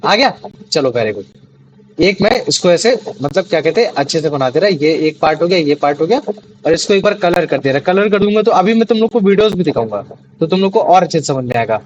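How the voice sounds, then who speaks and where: High-voiced young male teacher quizzing a class. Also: lively intonation, fast, lo-fi sound. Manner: repeats questions to check understanding. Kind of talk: classroom lesson. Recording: faint background noise.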